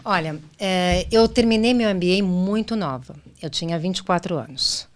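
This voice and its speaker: A woman's voice: on the low side, moderate pace. A middle-aged Brazilian woman being interviewed about her career. She speaks thoughtfully, often restarting her phrases and tagging them with "né?". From Brazil, daughter of Argentine parents. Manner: thoughtful, with frequent restarts and "né?" tags. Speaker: guest, business executive. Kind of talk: conversational interview answers.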